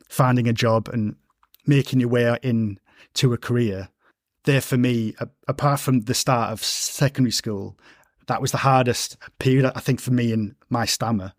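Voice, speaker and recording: A man's voice: mid-range voice, no echo, studio quality. A man, hosting a podcast interview and speaking with a stammer, repeating sounds and restarting words. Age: 30s. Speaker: podcast host. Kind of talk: conversational interview.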